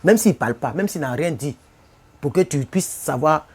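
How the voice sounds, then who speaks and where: A man from Côte d'Ivoire speaks casually on a live stream in an Ivorian French accent, his husky voice fairly high with lively intonation at a moderate pace. He repeats himself a lot and keeps throwing rhetorical questions at viewers, asking whether they follow him.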